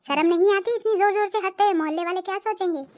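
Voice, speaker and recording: Someone doing a squeaky high cartoon wife, bossy, always scolding and nagging her husband. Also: fast talker. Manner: sharp-tongued, nagging, threatening. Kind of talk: cartoon voice acting.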